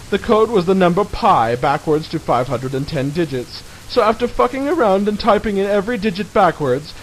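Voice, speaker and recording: Male narrator, somewhat high-pitched, theatrical mocking read of satire, faint background hiss on a homemade recording. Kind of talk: mock-dramatic reading of a satirical article. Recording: hissy, noisy home recording.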